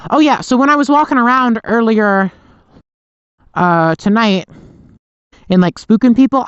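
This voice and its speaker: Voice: medium pitch, clear, resonant tone, no room sound. Young vlogger talking inside a helmet, muffled. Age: young adult. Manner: meandering, self-interrupting, mild swearing. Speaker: motorcycle vlogger. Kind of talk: casual rambling vlog chat. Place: inside a helmet, outdoors at night. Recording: dull, muffled close helmet mic.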